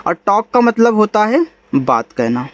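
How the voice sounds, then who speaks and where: A man's voice: sits high, sing-song, measured pace, no room sound. A young adult man teaching a lesson step by step, patiently repeating points and checking in with his listeners. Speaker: English teacher.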